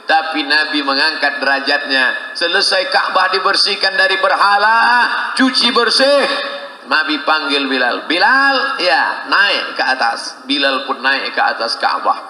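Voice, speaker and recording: A man preaching a humorous sermon to a crowd, animated and lively, breaking into shrill voices whenever he quotes people. His voice is very bright and sharp. The sound is roomy, with a long reverb from a large hall. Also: measured pace. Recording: echoey hall, live sermon.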